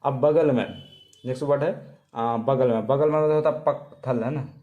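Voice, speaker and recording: A man's voice: mid-range voice, narrow, tinny audio. Guy teaching words, says each one over and over, lots of umms. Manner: repeats words slowly, with fillers. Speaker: language teacher. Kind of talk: casual spoken lesson.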